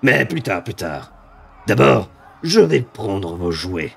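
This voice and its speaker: Man voicing a husky, gloating demon dark lord. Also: on the low side, very animated, full character voice. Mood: gloating threats. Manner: menacing dark-lord taunting, drawn-out gloating. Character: gloating male demon, ravenous, mocking, haughty dark lord. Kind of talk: dramatic video game villain read aloud.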